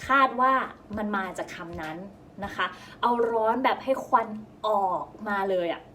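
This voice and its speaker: A woman's voice: mid-range voice, expressive, moderate pace, bright, forceful tone, recorded from a distance, a little hiss or hum. A young Thai woman, a former flight attendant, chatting playfully in a casual storytelling vlog and imitating English phrases. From Thailand. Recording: voice a bit off-mic with faint music behind.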